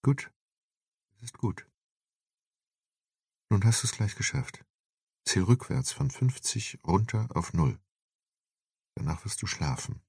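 A man's voice: on the low side, expressive, slow, vocal fry, pauses often, slightly rough, no room sound, studio quality, voice pushed up, full character voice. A man voicing a muffled, menacing intruder. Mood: coaxing menace. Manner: soft, coaxing commands. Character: menacing masked male intruder, calm and cold. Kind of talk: audiobook thriller reading.

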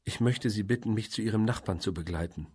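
A man's voice: lowish voice, fast, mellow, slightly rough, pitched above the performer's own voice. A man reading an audiobook and voicing a nervous, earnest young woman who pleads for help, in a raised voice. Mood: pleading.

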